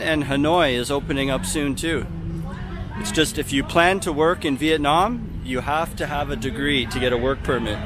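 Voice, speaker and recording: A travel vlogger and English teacher in his thirties, with a fairly high-pitched voice, keeps up a casual, chatty explanation to the camera at arm's length as he walks a city park and temple grounds. The outdoor recording picks up traffic and city sounds.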